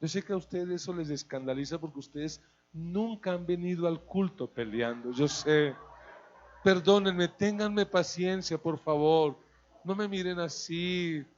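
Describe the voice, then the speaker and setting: A middle-aged man, preaching a sermon as a guest preacher to a church congregation, animated and humorous. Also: fairly high pitch, unhurried, highs cut off. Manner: animated, humorous, acts out scenes. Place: church service.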